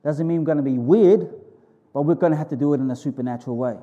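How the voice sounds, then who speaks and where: A male preacher with a soft, mellow voice pitched a little high. He delivers his sermon conversationally, speaking informally to the congregation and repeating phrases to drive them home. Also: fast, highs cut off. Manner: informal, conversational, with emphatic repetition.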